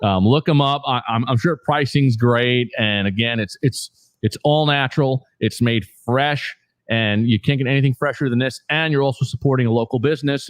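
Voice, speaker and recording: A man's voice: medium pitch, no room sound. A man hosting a casual local talk show, rambling with many restarts and fillers as he tries products. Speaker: host.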